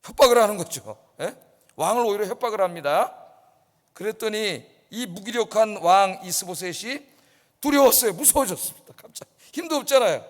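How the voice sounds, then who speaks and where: A man's voice: high voice, expressive, normal speed. A male pastor preaching in a church and often asking "yes?" to keep the congregation with him. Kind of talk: sermon. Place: church sanctuary. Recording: long reverb in a church hall.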